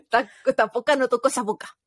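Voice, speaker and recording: A woman's voice: sits high, dry recording, clean studio sound. A woman with a Chilean accent, co-hosting a podcast in casual, slangy chat, often laughing as she tells stories. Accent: Chilean Spanish. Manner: animated, laughing, slangy storytelling. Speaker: podcast co-host.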